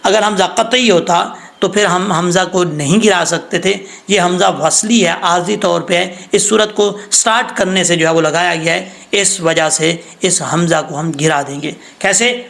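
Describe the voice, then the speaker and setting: A man teaching Quran tajweed patiently, breaking into slow recitation of verses. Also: high-pitched, steady tone, gravelly, a bit bright. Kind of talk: recorded recitation lesson.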